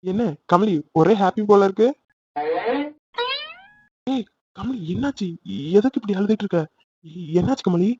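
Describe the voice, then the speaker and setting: A man's voice: high voice, measured pace, long pauses, dark tone, highs cut off, slight background noise. A man voicing a fretful older brother and friend in a cartoon, placating and apologetic.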